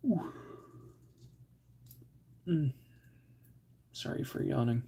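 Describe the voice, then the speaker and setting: A man's voice: medium pitch, very slow, vocal fry, slightly rough. A man hosting a casual livestream, muttering to himself as he builds models and chatting with viewers now and then. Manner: mutters to himself while working, drifting quiet. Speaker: livestream host. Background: faint air compressor hum.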